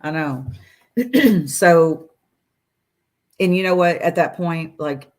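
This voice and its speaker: Woman in her forties, guest on a video call, animated storytelling, quotes doctors, laughs between lines. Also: lowish voice, slow pace. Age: 40s. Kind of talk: casual storytelling interview. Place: room at home.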